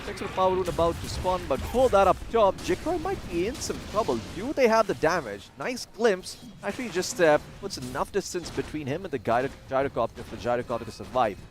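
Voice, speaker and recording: A man's voice: high voice, big pitch swings, brisk, hardly any pauses, soft background music. A man casting a live esports match, chatty and jokey, with self-deprecating asides. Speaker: esports caster. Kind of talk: live game commentary.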